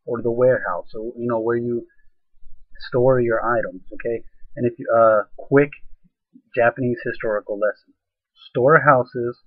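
A man's voice: medium pitch, husky, no echo. A man casually explaining a history topic as a channel host, rambling with lots of "okay"s and fillers, sometimes spelling words out. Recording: dry, phone-like narrow sound.

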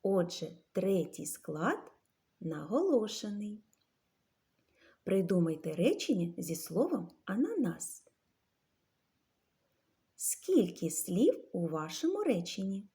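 A woman teacher giving a literacy lesson to young children, sounding out words slowly syllable by syllable. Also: mid-range voice, big pitch swings, dark tone.

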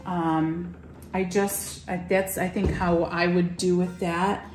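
A woman's voice: on the low side, flat delivery, takes it slowly, darkish tone, reverberant, soft background music. A woman in her thirties hosting a casual product showcase in a shop, talking enthusiastically with lots of fillers. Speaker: shop host presenting items for sale. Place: indoor shop room full of farmhouse decor.

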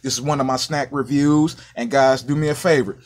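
An American man with a medium-pitched voice presents a casual snack review. He is upbeat and talks straight to his viewers in a familiar, chatty way, peppering it with little catchphrases. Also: steady tone, fairly quick. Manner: upbeat, addresses viewers as guys, repeats catchphrases. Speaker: food review host. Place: small indoor counter by a sink.

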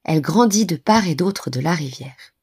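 A woman storyteller narrating bedtime stories for children in a gentle, soothing way. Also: fairly low pitch, animated, normal speed, breathy edge.

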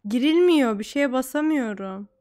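A woman's voice: high-pitched, lively intonation, moderate pace, dark tone. A woman streamer in casual role-play chat, sighing and drawn out as she talks.

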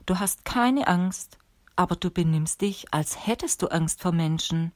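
A woman reading the lines of a calm, stern old male sorcerer teacher in a measured, instructive way for an audiobook. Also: lowish voice, no room sound, studio quality, natural voice.

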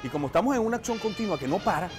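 Playful middle-aged male host over loud music. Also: high voice, lively intonation, very fast. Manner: playful, flirtatious, addresses viewers directly. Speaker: travel show host. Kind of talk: lively on-location presenting. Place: outdoor marketplace and open-air bar.

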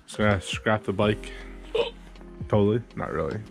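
A man's voice: fairly low pitch, normal speed, vocal fry, faint music behind. A man in his thirties from Newfoundland, hosting a casual shop vlog with laid-back, joking banter in a small garage workshop. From Newfoundland, Canada. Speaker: vlog host.

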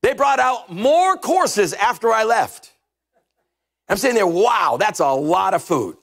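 On a church stage with a headset mic, a middle-aged pastor delivers a humorous, animated sermon, occasionally shouting to drive points home. His voice is high and gravelly, and he speaks a little slowly.

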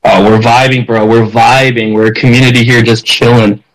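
A man's voice: medium pitch, level tone, normal speed, rough recording. A man, a crypto project founder, talking in a friendly, self-deprecating way in a casual online audio chat.

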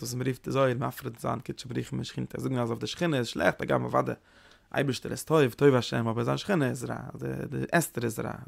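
In a dry recording, a man with a medium-pitched voice and vocal fry teaches a Kabbalah lesson as a Torah teacher. His delivery is halting, with frequent repeated words and restarted phrases.

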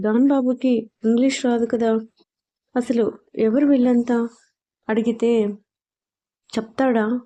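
A woman narrating a serialized love story in a gentle, steady storybook reading style. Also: on the high side.

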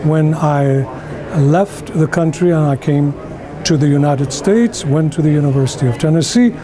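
Speaking to the camera as an interviewee at an indoor conference, an older man from Iran shares personal memories of his life. His voice sits on the high side with a warm tone, and his Persian roots show in his Iranian accent.

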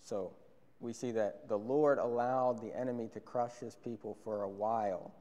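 A man's voice: on the low side, steady tone, moderate pace, dark tone. A young man preaching a sermon from a church pulpit into a stand microphone, earnest and repeating key phrases for emphasis. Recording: long church hall reverb.

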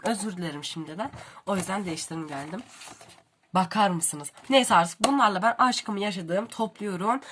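Young woman, book unboxing vlog, gushing, exclaiming, mid pitch, noisy background. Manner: gushing, exclaims over every detail. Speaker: book vlogger. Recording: clear background noise.

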